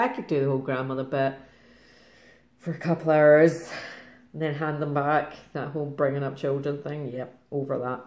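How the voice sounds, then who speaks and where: A middle-aged Scottish woman chatting casually to camera in a fast, rambling way, laughing often. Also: a bass voice, a little mellow. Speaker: craft vlogger. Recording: roomy echo.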